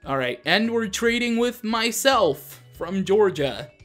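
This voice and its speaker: A man hosting a gaming show gives casual, chatty commentary over gameplay, often making fun of himself, with video game music playing behind him. His voice is high, a bit bright and animated, and he speaks slowly.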